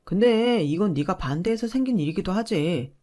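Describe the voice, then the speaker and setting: A woman's voice: medium pitch, lively intonation, normal speed, mellow, lightly acted. Selfish husband, read by a woman, dismissive, blaming, defensive.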